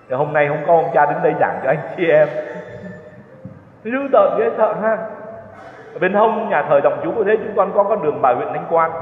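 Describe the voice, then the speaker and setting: Older priest, echoey church. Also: male voice, fairly high pitch, a little hiss or hum. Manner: chatty storytelling, chuckling at his own stories. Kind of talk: retreat sermon with personal anecdotes. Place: large church. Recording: echoey church hall, tinny lo-fi sound.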